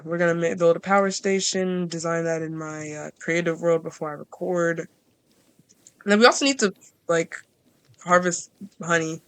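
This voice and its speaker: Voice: medium pitch, a bit bright, smooth, no echo. A creator giving casual, rambling commentary over gameplay, chatty and playful with viewers and often restarting sentences.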